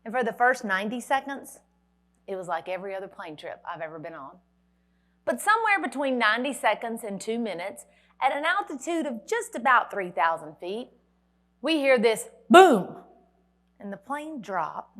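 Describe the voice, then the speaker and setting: A woman's voice: mid-range voice, expressive, fairly quick, pushed and bright. A woman, giving a motivational keynote at a conference and telling a dramatic story with wry humor. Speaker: motivational speaker. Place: conference hall.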